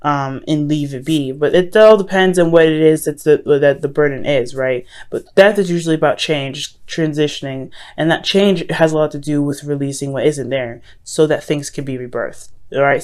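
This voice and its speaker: A woman's voice: low voice, normal speed, a little mellow. A woman giving a mystical tarot horoscope reading in a casual, conversational way, advising listeners directly and often circling back to rephrase herself. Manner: hesitant, often repeats and rephrases phrases. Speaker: tarot reader.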